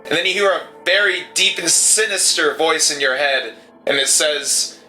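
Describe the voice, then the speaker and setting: A man's voice: a little high, moderate pace, over music, poor audio. A man narrating a tabletop horror game as game master, with many fillers as he describes scenes.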